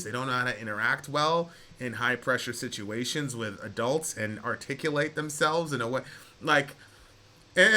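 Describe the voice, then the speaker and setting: A man's voice: medium pitch, pushed and bright. A man hosting a radio talk show, giving his opinions conversationally to a caller and repeating phrases for emphasis.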